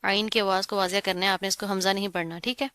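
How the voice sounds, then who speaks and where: A woman giving a tajweed lesson, explaining rules patiently step by step and reciting words slowly with drawn-out sounds. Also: medium pitch, steady tone, fairly bright tone, clear, resonant tone, no room sound, studio quality. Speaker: Quran recitation teacher.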